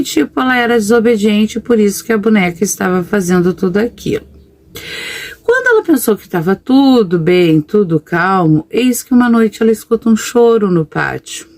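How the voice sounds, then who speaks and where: A woman's voice: medium pitch, a little mellow. A woman telling a ghost story casually, rambling and correcting herself as she goes, with frequent fillers.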